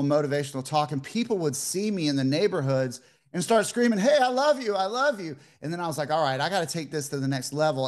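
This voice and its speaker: A man in his fifties talks as a podcast guest, relaxed and rambling, with plenty of "you know"s. His voice is mid-pitched for a man. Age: 50s. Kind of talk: casual interview storytelling.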